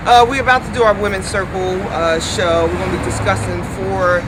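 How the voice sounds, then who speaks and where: A woman co-host talks in an upbeat, excited way while riding in a vehicle. Loud traffic and road noise roar behind her voice the whole time. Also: mid-range voice, fairly quick. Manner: upbeat, hyped. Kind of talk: casual chat.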